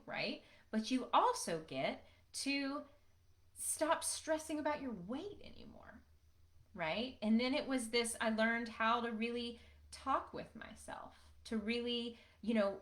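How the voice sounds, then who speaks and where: A woman's voice: medium pitch, fairly bright tone. A middle-aged woman, hosting a podcast and telling her own story in a casual, conversational way, often checking in with "right?". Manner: conversational, frequent "right?" tag questions. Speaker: podcast host.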